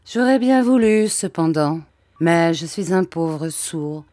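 A shy, heartbroken middle-aged painter, put on by a woman reading a story aloud, pleading and running himself down in a plaintive, unhurried voice. The tone is mellow and low, with a dry, close sound. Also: expressive, no room sound. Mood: sorrowful. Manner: plaintive, self-deprecating pleading.

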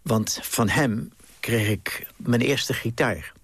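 A man's voice: mid-range voice, slow pace, fairly bright tone, husky, no echo. A man in his nineties from the Netherlands, telling his memories in a leisurely way on a radio interview and acting out the voices in them. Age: 90s. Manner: leisurely anecdotal telling, acts out quotes. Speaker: guest.

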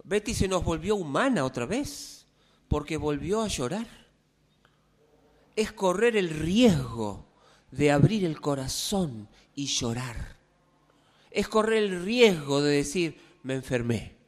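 Brief: male pastor, conversational sermon, slow and measured, lots of questions to the pews. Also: on the high side, big pitch swings. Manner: conversational, asks the congregation questions. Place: church.

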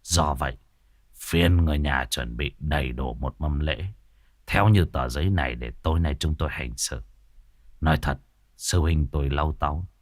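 A man voicing a stern middle-aged male exorcist who speaks low and clipped. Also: moderate pace, no echo, clean studio sound. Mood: grave.

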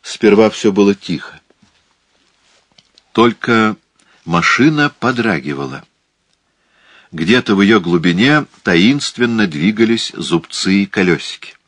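Slow deep-voiced male narrator. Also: animated, no room sound. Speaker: audiobook narrator. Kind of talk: scripted literary narration.

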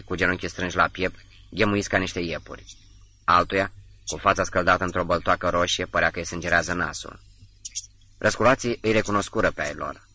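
A man reading a novel aloud as an audiobook narrator, in a measured, steady way. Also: sits low.

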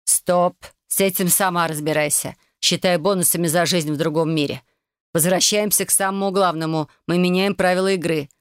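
A woman voicing an irritable, bossy female fairy who scolds slowly and impatiently. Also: lowish voice, steady tone, smooth, no room sound, studio quality, natural voice. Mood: scolding.

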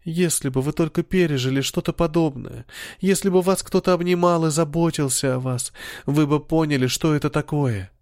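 A man voicing Adalana, a lonely young woman persona who pleads softly, in an audiobook. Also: normal speed, no echo, clean studio sound, close to an everyday voice. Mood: pleading. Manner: soft, pleading, higher-pitched.

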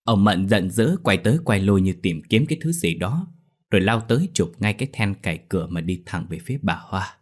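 A man narrating a scripted horror story in a lively storytelling manner. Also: low-pitched, fairly quick.

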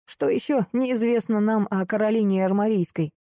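A woman voicing a strong, calm northern princess who speaks with dry mockery. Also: mid-range voice, normal speed, no echo, close to an everyday voice. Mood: mocking calm. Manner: calm, mocking.

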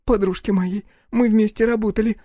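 A frightened young woman, shaking and tearful, begs for help in a thin, raised voice, as a male reader takes her part. The tone stays mellow and close-miked in a dry space. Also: fairly even intonation, normal speed, no room sound. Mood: terrified pleading. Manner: high, tremulous, pleading.

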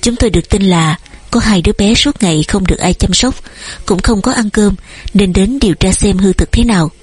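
A woman's voice: medium pitch, fairly quick, darkish tone, husky, dry recording, natural voice. A woman reading an audiobook, voicing a stern male police officer in a formal, admonishing way and close to her own voice.

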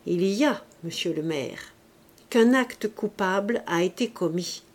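A woman's voice: mid-range voice, lively intonation. Woman reading a stern, solemn police inspector. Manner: cold, sad, measured delivery.

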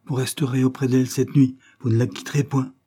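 A man voicing a grave, grieving gentleman in an audiobook reading, with a restrained, somber delivery. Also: mid-range voice, little pitch movement, fairly quick, slight background noise, pitched above the performer's own voice, natural voice.

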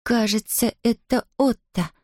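Woman doing a high, urgent young girl. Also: a little slow, a little mellow, dry recording, clean studio sound. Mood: hushed. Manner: urgent, commanding. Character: brave determined young girl.

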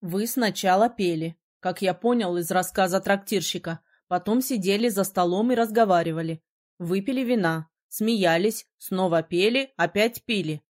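A woman voicing a brooding, sharp-tongued young male mage in an audiobook, teasing and gruff by turns. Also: mid-range voice, normal speed, natural voice. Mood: explaining. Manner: teasing, then gruff and commanding. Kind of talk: audiobook character reading.

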